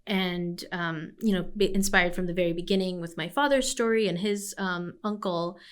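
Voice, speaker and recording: A woman from Hawaii, an oncologist, telling her story in a reflective, measured way during an interview. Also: lowish voice, fairly even intonation, clean tone. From Hawaii, United States. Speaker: oncologist guest. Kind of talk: conversational interview.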